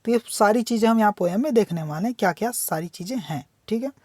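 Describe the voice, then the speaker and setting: A woman teacher explaining a poem line by line. She reads the English lines slowly and drawn out, then explains them quickly in Hindi, asking questions and answering them herself. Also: mid-range voice, lively intonation, a little mellow, breathy edge, no room sound, studio quality.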